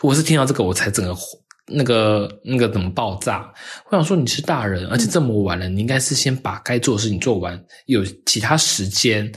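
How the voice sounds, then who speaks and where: A man's voice: fairly low pitch, breathy edge. A man in his thirties, co-hosting a podcast, telling a long story in casual chat with many restarts and fillers. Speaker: podcast co-host.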